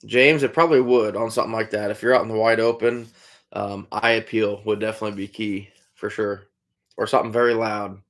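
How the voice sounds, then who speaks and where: A man's voice: fairly low pitch, steady tone, a little fast. A man chatting casually on a live stream, answering viewers in a laid-back way. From Iowa, USA. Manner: laid-back, calls chatters "buddy", trails off with "I don't know". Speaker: trapper hosting a live stream.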